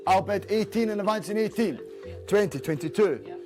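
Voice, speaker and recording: A man's voice: high-pitched, over music. A man working as an auctioneer, chanting bids in repetitive runs of numbers in an auction room. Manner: repetitive rapid-fire numbers and bid calls.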